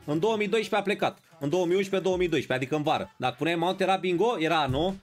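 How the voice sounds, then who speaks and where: A man's voice: high voice, faint music behind. A man streaming a football video game live, bantering with his chat and playing up mock outrage. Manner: banters and greets viewers in chat.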